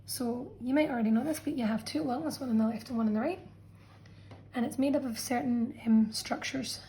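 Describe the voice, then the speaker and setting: Mellow-voiced woman teaching a revision lesson. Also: on the high side, fairly quick, slight background noise, poor audio. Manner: patient, explanatory, checks in with "okay". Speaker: science teacher. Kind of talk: revision lesson narration over a drawn diagram.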